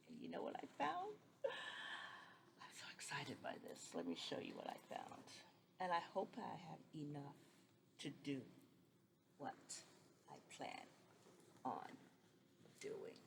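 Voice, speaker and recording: A gravelly, low voice with wildly swooping pitch belongs to a middle-aged woman from New York who vlogs about sewing. She talks slowly with long pauses over background noise, enthusiastically and rambling as she shows fabrics from her home collection in a casual chat.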